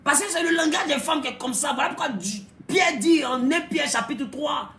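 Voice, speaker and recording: A man preaching a sermon as pastor, emphatic and often shouting, with playful asides. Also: very high-pitched, normal speed, reverberant, slight background noise.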